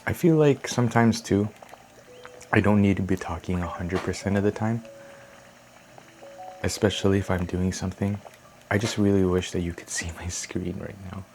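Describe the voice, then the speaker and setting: Young guy, really low voice, soft rambly asmr chat at home, faint construction noise behind. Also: moderate pace, pauses often. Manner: rambling, soft-spoken, thinks aloud. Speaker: ASMR creator. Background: construction and room ambience.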